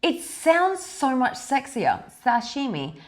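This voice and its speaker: A woman's voice: mid-range voice, expressive, moderate pace. A woman hosting a podcast, bubbly and encouraging, laughing often as she chats. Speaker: podcast host. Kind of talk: casual chat.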